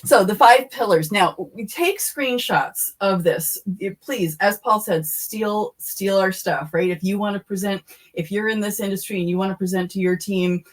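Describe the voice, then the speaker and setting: A woman hosting a webinar, speaking effusively and haltingly. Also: mid-range voice. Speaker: host. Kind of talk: casual webinar talk.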